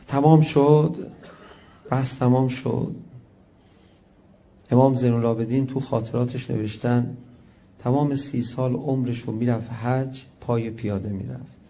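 A male preacher delivering a religious sermon in an impassioned way, full of rhetorical questions and swinging from hushed to loud. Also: mid-range voice, steady tone, dull audio.

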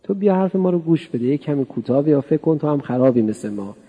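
In a hall with reverb, a cleric gives a religious talk, chatting playfully with the crowd and often asking them questions. His voice is fairly high and husky, with lively intonation, and the audio sounds narrow and tinny.

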